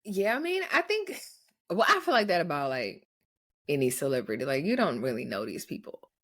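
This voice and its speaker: An American woman chatting casually as a podcast co-host, reasoning in a halting, repetitive way. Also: sits low, sing-song, fairly bright tone. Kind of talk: casual chat.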